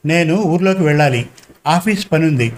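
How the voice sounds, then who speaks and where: A man reading a storybook and voicing a young man, a returned son, earnest and gentle. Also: on the high side, expressive, moderate pace, lightly acted.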